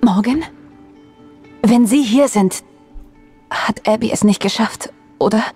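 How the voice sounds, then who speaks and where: An actress playing a worried, earnest space station crew member in a video game, speaking with careful urgency. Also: female voice, fairly high pitch, slow pace, warm tone, breathy edge, faint music behind, heavily acted.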